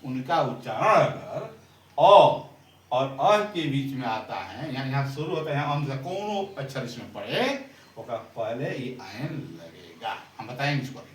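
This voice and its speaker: In an expressive, medium-pitched voice at normal speed, a male teacher writes on the board while explaining grammar, repeating himself and quizzing his class. The mic sits far away, giving roomy echo and faint ambient sound.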